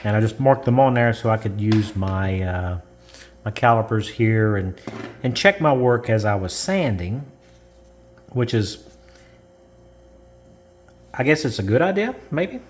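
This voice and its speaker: A man's voice: on the low side, animated, slight background noise. A man casually walking through a model-building step, rambling and correcting himself as he goes. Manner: slow, rambling, self-correcting, chuckles. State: coughing from dust. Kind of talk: casual how-to narration.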